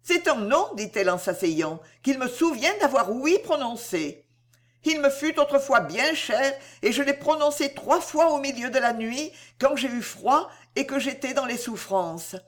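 A woman voicing a delirious, frightened young lady with high, sharp exclamations. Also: animated, measured pace. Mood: dreamy.

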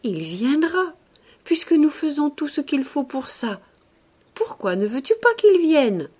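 A woman's voice: high voice, big pitch swings, unhurried, a little mellow, pitched above the performer's own voice. A woman reader voicing an ardent young lover. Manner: ardent, rising and eager. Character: young woman in love, passionate and sure.

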